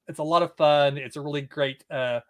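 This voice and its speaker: A man's voice: on the high side, fairly even intonation, a little fast, a bit bright. A man co-hosting a podcast in casual chat, rambling with many fillers. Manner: rambling, filler-heavy, restarts. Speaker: podcast co-host.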